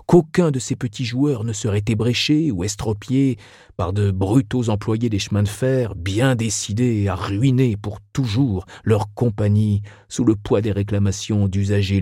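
A man reading a novel aloud as narrator, in a lively, expressive way. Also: on the low side, unhurried, breathy edge, no echo, clean studio sound. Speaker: audiobook narrator. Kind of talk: scripted narration.

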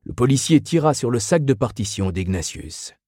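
A man reading a novel aloud as narrator, in a lively, expressive way. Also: medium pitch, normal speed, no room sound, clean studio sound. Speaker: audiobook narrator. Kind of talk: scripted narration.

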